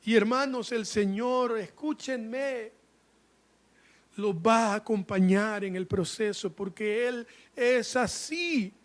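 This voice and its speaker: A man preaching a sermon, calling his listeners brothers again and again and swinging between loud outbursts and hushed asides. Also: high-pitched, takes it slowly. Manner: fervent preaching, constantly addressing the congregation as brothers.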